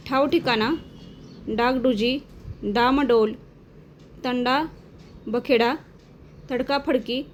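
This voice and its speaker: Slow, clear woman teacher dictating word lists. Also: fairly high pitch, steady tone, slight background noise. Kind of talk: exam-prep lesson reading word lists.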